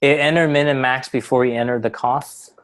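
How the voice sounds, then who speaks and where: A man presenting a software walkthrough on a webinar, explaining steps with many fillers and halting restarts. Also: medium pitch, steady tone. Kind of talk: screen-share software walkthrough.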